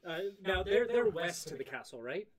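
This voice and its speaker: A man's voice: a little high, sing-song, moderate pace, crowd noise. A man chatting casually as a player in a tabletop role-playing game.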